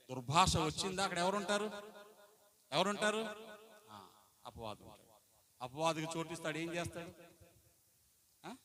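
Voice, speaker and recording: Guy preaching a sunday sermon, kinda high voice, keeps asking the church stuff then answering it, congregation noise in the back. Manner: asks the congregation questions and answers them; swings between loud emphatic lines and quiet asides. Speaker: pastor. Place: church service. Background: congregation sounds.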